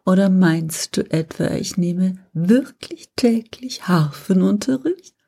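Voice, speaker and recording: A woman's voice: on the low side, lively intonation, takes it slowly, gravelly, mellow, slightly rough, exaggerated voice. A woman voicing a rebellious young princess who whines and pleads. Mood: pleading. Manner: whiny, pleading.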